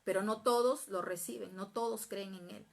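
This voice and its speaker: A woman's voice: medium pitch, fairly even intonation, moderate pace, vocal fry, a little mellow. A woman giving Bible teaching in an earnest sermon style, repeating points and checking in with her listeners, sometimes acting out prayers. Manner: acts out prayers and quoted speech.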